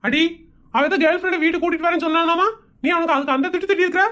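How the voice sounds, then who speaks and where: A woman's voice: very high voice, steady tone, very fast, fairly bright tone. A woman voicing an exasperated village father in a cartoon comedy, scolding in a rural Tamil Nadu accent.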